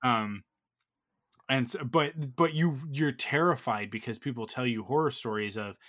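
A man's voice: medium pitch, a little slow, fairly bright tone. Rambling man telling a story. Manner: rambling, filler-heavy storytelling. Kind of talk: casual chat.

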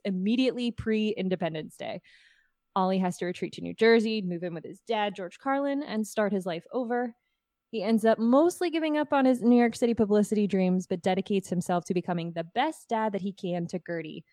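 A woman's voice: medium pitch, warm tone, no room sound, studio quality. A woman hosting a podcast, moving between scripted introduction and casual film review. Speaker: podcast host.

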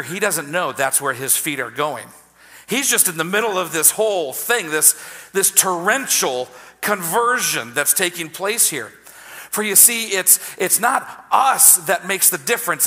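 A man's voice: high-pitched, pushed and bright. A man preaching a sermon as pastor, in a conversational style that repeats key phrases. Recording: long hall reverb.

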